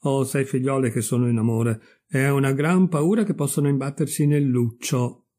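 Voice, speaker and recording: A boastful, gossipy female frog from a fairy tale, played by a man reading aloud. She chatters on cheerfully and can't stop praising herself. The voice is warm and mellow, with a husky edge. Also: mid-range voice, normal speed, close to an everyday voice. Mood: chatty. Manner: talkative, cheerful, self-satisfied.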